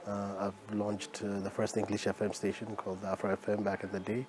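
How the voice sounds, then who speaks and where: A man's voice: fairly low pitch, monotone, brisk, background noise. A man from Ethiopia, an entrepreneur guest, answering interview questions in a matter-of-fact way with frequent fillers.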